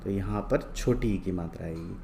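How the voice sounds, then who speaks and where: A man teaching a lesson from worksheets, reading each word twice, slowly and clearly, and asking questions he then answers himself. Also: sits low, mellow, slight background noise. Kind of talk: slow, patient lesson going through worksheets.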